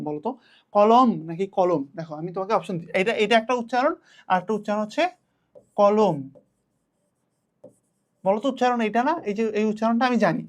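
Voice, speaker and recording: A young man from Bangladesh with a Bangladeshi Bengali accent, teaching an exam revision lesson and speaking straight to his students with quick rhetorical questions. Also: sits high.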